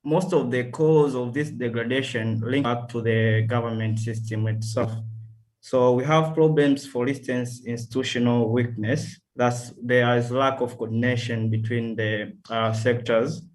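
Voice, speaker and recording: A man from Tanzania, reporting to an online workshop over a video call, halting and full of fillers and self-corrections. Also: medium pitch, flat delivery, low-quality recording. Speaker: workshop participant.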